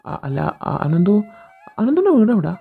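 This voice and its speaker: A woman's voice: mid-range voice, very animated, vocal fry, slightly rough, full character voice. Brief: woman as a hesitant young male teacher, stammering, tinny lo-fi sound. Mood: awkward. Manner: halting, stammering. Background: faint background music.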